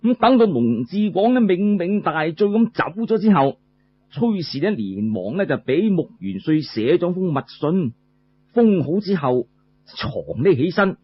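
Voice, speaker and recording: This is traditional oral storytelling from a Cantonese-accented man who speaks colloquially and breaks the tale into short phrases. He sounds a little high and slightly rough. The audio is muffled and lo-fi.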